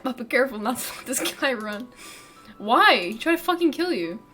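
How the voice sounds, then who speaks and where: A woman's voice: high voice, animated, a little fast, pushed and bright, faint music behind. A woman streamer reading a visual novel aloud, laughing and swearing between lines.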